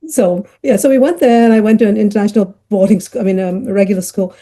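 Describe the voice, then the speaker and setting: Chatty woman with a very dark voice. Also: medium pitch, steady tone, fast. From Ghana. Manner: chatty, frequent fillers, laughs often. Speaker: guest, child psychiatrist. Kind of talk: conversational storytelling interview.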